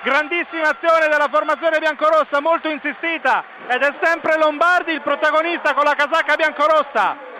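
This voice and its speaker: A man giving breathless, excited live football goal commentary with drawn-out shouts, as a play-by-play commentator. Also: extremely high pitch, low-quality recording. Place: outdoor stadium stand. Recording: outdoor stadium commentary with background noise. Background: stadium ambience noise.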